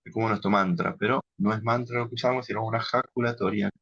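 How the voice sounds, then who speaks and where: Gravelly man teaching contemplative prayer. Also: lowish voice, steady tone, a bit bright, dry recording. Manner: unhurried, halting, often adds a questioning tag. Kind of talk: instructional talk on contemplative prayer. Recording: dull lo-fi sound.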